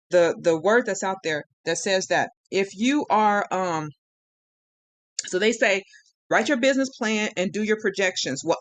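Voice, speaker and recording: A frustrated woman on a live stream, fighting back tears as she rants and loops back over her words. Her mid-pitched voice sits close and dry on the mic, with no room sound around it. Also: fairly bright tone, no room sound. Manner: rambling, frustrated, holding back tears, many restarts. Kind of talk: emotional live-stream rant.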